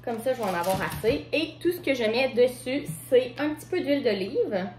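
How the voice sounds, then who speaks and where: Here the vlogger sounds a little high and a little fast, animated, with a darkish tone in a reverberant room. With her Quebec French accent, she talks casually right to her viewers about her day and a simple recipe, recorded on a camera on a tripod.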